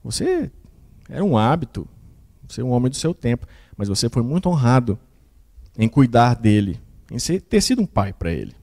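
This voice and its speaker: A man's voice: medium pitch, big pitch swings, moderate pace, mellow. A man voicing a kind reassuring son.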